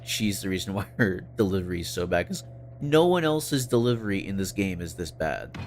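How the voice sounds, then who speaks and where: A man's voice: low-pitched, very animated, brisk, a little hiss or hum. A man doing casual game commentary as a streamer, muttering wry asides to viewers.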